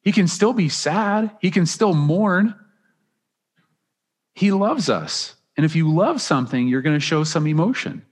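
A man's voice: on the high side, expressive, unhurried. A man preaching a sermon as pastor, earnest and emphatic, often restarting his phrases. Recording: long reverb of a large hall.

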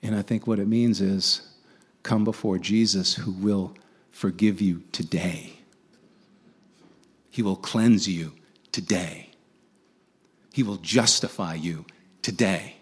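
Man, preacher, conversational sermon, husky voice, earnest, rhetorical questions. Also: deep voice, steady tone, slow, pauses often. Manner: asks listeners frequent rhetorical questions; earnest, with frequent restarts and "um"s.

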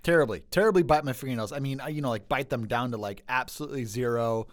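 A man hosting a podcast as a pastor, telling stories in relaxed back-and-forth chat. He laughs easily and gets animated mid-story, his voice jumping up when he tells a punchline. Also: medium pitch, quick pace.

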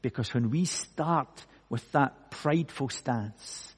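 A male pastor preaching a sermon slowly and emphatically, with dramatic pauses. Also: medium pitch, husky. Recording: long hall reverb.

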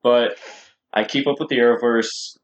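A man's voice: medium pitch, steady tone, normal speed. A man co-hosting a casual podcast, talking eagerly about shows he follows. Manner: eager, enthusiastic fan talk. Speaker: podcast co-host. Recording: dull lo-fi podcast audio.

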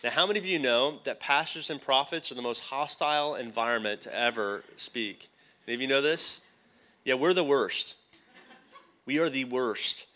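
A man's voice: medium pitch, normal speed, bright, forceful tone. A male pastor teaching a sermon, often putting questions to the congregation.

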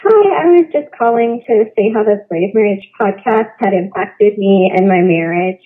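A woman leaving a hesitant voicemail as a listener calling in, heard over a low-quality phone recording. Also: expressive, normal speed. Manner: hesitant, many ums. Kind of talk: voicemail message. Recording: tinny lo-fi phone line.

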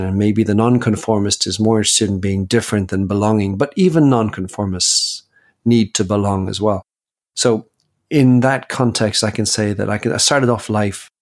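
A man in his fifties, a guest and author, telling his life story in a reflective interview. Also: fairly low pitch. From Belgium. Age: 50s. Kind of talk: interview conversation.

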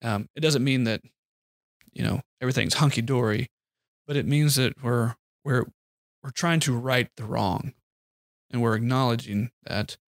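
A man co-hosting a podcast, telling a personal story about his son in a lively way and acting out the quotes. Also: mid-range voice, normal speed, dry recording, studio quality. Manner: animated storyteller, acts out quotes. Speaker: podcast co-host. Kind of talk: casual storytelling chat.

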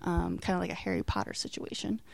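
A woman's voice: lowish voice, steady tone, fast, creaky, no room sound. Chatty woman with a dry, close sound. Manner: chatty, laughs often, filler-heavy. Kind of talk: casual chat. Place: American.

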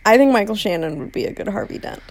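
A woman with a medium-pitched voice chats casually as a podcast co-host. She is informal and tends to react in short, dry remarks. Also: lively intonation, fast talker. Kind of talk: casual chat.

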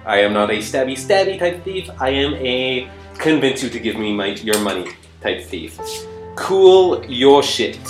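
A man's voice: medium pitch, lively intonation, moderate pace, fairly bright tone, reverberant, faint music behind. Joking man playing a boastful thief. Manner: joking, boastful, laughs a lot. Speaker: player. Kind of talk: playing a tabletop game in character.

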